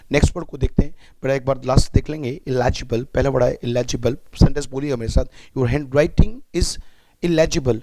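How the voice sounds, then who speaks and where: A man with an Indian accent teaches English vocabulary in a mellow, mid-pitched voice. He breaks each word into parts and has his students repeat after him. The sound is close and dry, with no room echo. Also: creaky. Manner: explains words step by step, asks students to repeat. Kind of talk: vocabulary lesson.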